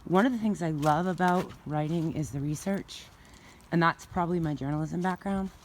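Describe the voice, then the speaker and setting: Breathy woman rambling while walking outdoors. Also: deep voice, moderate pace, slight background noise. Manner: rambling, thinking aloud with fillers. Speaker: author giving a tour. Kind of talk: casual walking vlog. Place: outdoor cemetery in winter.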